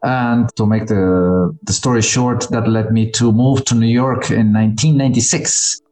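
A man in his forties from Argentina, a musician guest telling his story thoughtfully, with frequent pauses and fillers. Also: lowish voice, fairly even intonation, darkish tone, reverberant, poor audio. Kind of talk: interview conversation.

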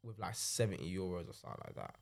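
A man's voice: sits low, huge pitch swings, quick pace, gravelly, a little mellow. A young man with a London roadman accent, chatting casually and telling anecdotes in heavy slang, tagging sentences with "innit". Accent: London-style urban British, roadman slang. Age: young adult.

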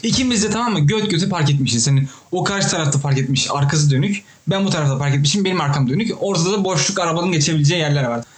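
A man's voice: on the high side, expressive, racing, hardly any pauses. A young man in casual conversation, telling playful anecdotes full of slang. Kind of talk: casual chat.

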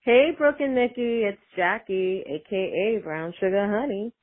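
Woman caller leaving a voicemail, thoughtful and halting, heard over a thin phone line. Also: medium pitch, expressive. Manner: hesitant and reflective, many ums. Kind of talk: casual voicemail message.

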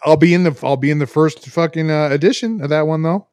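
A man's voice: fairly high pitch, quick pace, darkish tone, no room sound. A man co-hosting a podcast, chatting casually in crude slang with frequent swearing. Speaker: podcast co-host.

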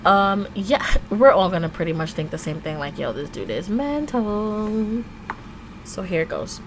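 A woman hosts a true crime podcast, moving between scripted storytelling and slangy, informal, animated asides. Her voice is mid-range and measured in pace, with a little hiss or hum in the audio.

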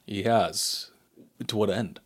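A man's voice: on the low side, slow. A man playing a tabletop game, asking questions and restarting his sentences. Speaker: player. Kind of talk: casual tabletop game chat.

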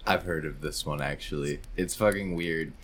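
A man's voice: a bass voice, normal speed, fairly bright tone, a little hiss or hum. A young man from Michigan co-hosting a podcast, joking and swearing in casual chat. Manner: swearing, joking, laid-back. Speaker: podcast co-host.

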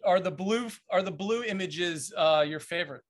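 An American man hosting a casual interview, speaking haltingly and enthusiastically with surfer slang. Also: sits high. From United States. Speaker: show host.

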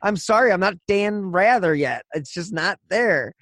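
A man's voice: high voice, expressive, moderate pace, a bit bright, dry recording. A man hosting a podcast who talks bluntly and swears freely in casual chat. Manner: blunt, profane, heated venting. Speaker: podcast host.

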